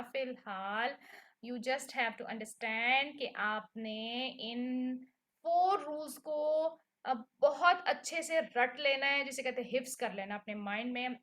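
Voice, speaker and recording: High, bright-voiced woman teaching. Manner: patient explainer, checks in with "okay?" often. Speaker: Quran recitation teacher. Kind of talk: online lesson.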